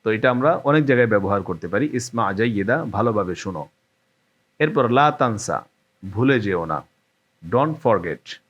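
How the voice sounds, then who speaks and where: A man's voice: lowish voice, a bit bright, dull audio. A man teaching an Arabic language lesson, patiently repeating each phrase and its translation.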